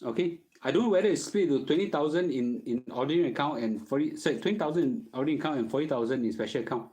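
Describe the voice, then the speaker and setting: Racing along in a dark, mid-range voice, this middle-aged Singaporean host fields personal finance questions casually. He uses colloquial Singlish phrasing and repeatedly checks in with "okay?".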